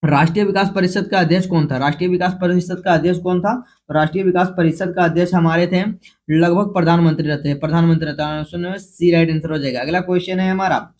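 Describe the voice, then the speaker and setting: A man with a Jharkhand Hindi accent teaching exam prep, rushing through multiple-choice questions, repeating each one and correcting himself as he goes. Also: high-pitched, fairly even intonation, darkish tone. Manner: repeats each question, then announces the option letter; hurried, with frequent restarts and self-corrections. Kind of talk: quick-fire multiple-choice quiz review.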